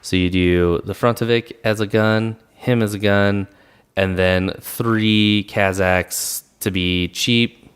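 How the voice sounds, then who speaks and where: A man co-hosting a podcast, relaxed and agreeable, talking through game strategy with lots of "like" and "mm-hmm". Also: on the low side, slow, clean tone. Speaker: podcast co-host. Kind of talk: casual tabletop game chat.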